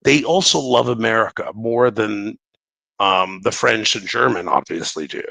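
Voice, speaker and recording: A man with a bright, forceful voice rambles as a caller on a talk show. He stammers and restarts often, with a gravelly edge to his casual speech. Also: on the low side, a little slow, no echo, rough recording. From Brooklyn, New York. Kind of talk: casual political call-in talk.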